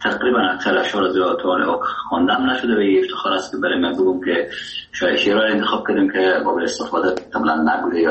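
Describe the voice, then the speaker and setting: Afghan Dari-accented male musician guest, low voice, heard from far off on a dull echoey line, warm and rambling. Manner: warm, rambling, with many hesitations. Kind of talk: radio interview.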